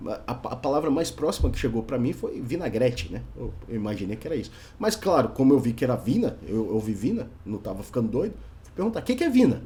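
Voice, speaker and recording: A man's voice: mid-range voice, very animated, quick pace, mellow. A young man with a Brazilian Portuguese accent, giving a casual video lesson on learning English and often tagging sentences with a questioning "right?". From Brazil, Brasília. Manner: chatty, tags many sentences with a questioning "right?". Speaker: English teacher.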